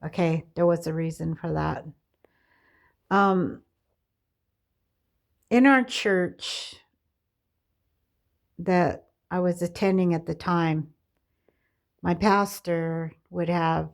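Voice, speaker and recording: A middle-aged woman speaks slowly, her voice gravelly with fry as she pauses, restarts and reaches for words. She tells her own life story in a candid, confessional tone. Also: lowish voice, fairly even intonation. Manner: halting, with many fillers and restarts. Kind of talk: personal testimony, casual storytelling.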